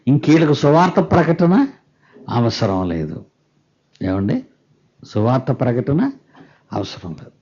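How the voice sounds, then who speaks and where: A male pastor preaching a sermon. He often puts rhetorical questions to the congregation and reads scripture slowly and with weight. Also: mid-range voice, big pitch swings, dark tone, breathy edge, highs cut off.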